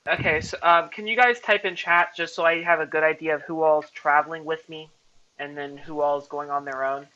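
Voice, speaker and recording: A man's voice: on the high side, steady tone, a little fast, pushed and bright, highs cut off. A man playing a tabletop role-playing game, talking in a hesitant, filler-laden way. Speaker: player. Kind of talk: casual tabletop game chat.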